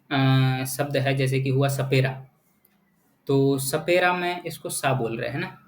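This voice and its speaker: A man teaching a lesson, explaining patiently and often checking in with the listener. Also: medium pitch. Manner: patient, repetitive, checks in with "right?". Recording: echoey room.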